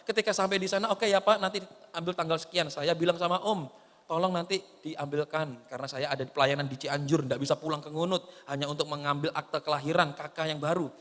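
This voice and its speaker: A man preaching a sermon as a pastor, swinging from loud exclamations to soft, low asides. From Indonesia. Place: church hall. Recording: church hall reverb.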